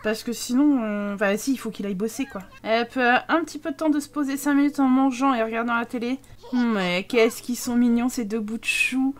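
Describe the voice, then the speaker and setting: A French-speaking woman hosting a let's play video, commenting chattily and with quick exclamations. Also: a little high, steady tone. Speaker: gaming channel host.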